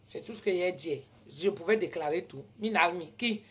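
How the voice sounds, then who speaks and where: A woman with a Cameroonian French accent telling a story in casual talk, animated and prone to loud indignant outbursts. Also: on the low side, moderate pace, noisy background. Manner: animated, switches into loud indignant retorts when quoting herself. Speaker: vlogger.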